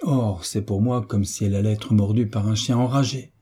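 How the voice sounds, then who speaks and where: A man's voice: on the low side, fairly even intonation, normal speed, dark tone, husky. A man reading as a blunt old navy commander. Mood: indignant. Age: older. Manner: frank, firm, plain-spoken.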